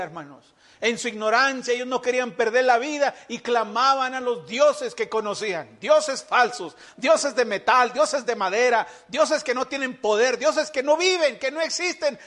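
High-voiced man preaching emphatically. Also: pushed and bright. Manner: emphatic preaching, voices imagined speakers, rhetorical questions. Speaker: pastor. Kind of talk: sermon.

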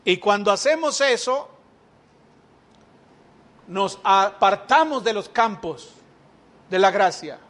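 High-voiced man preaching a sermon. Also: expressive, slow pace, pauses often, fairly bright tone. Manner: rhetorical questions to the congregation; acts out quoted speakers.

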